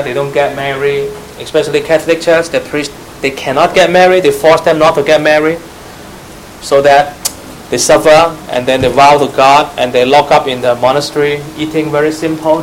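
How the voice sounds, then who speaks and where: Man teaching church history, slightly high voice. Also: slight background noise, rough recording. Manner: spells out terms letter by letter and quizzes listeners; glosses terms in Chinese. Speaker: Bible teacher.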